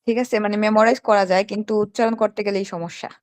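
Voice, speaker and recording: A woman taking a French lesson, hesitantly repeating phrases back to her teacher. Her voice sits at an ordinary pitch for a woman. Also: fairly even intonation, fast talker. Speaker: student.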